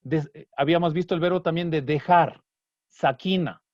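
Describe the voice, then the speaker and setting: A man teaching an online Kichwa language class, patiently breaking down song lyrics and slowly repeating words. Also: a little high, a little mellow, dry recording. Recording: dry, slightly dull online class audio.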